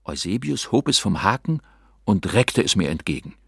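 A man with a low voice reads an audiobook in a dramatic, theatrical way. His pitch moves with lively swings, and the sound is close and dry. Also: moderate pace, gravelly, slightly rough, no room sound. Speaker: narrator. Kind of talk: scripted audiobook narration.

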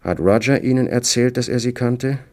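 A man's voice: medium pitch, normal speed, darkish tone, pitched above the performer's own voice, lightly acted. Man reading as a cool, reserved woman. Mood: flustered. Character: cool, composed grown woman of a household.

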